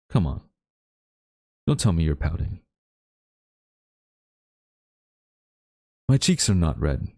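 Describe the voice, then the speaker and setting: Flustered and defensive, the haughty official speaks to the listener in an intimate audio-drama monologue, hiding his tenderness toward a captured villain. The man's full character voice is very low, dark, mellow and gravelly, recorded close and dry without any room sound. He keeps to formal, theatrical, carefully chosen wording.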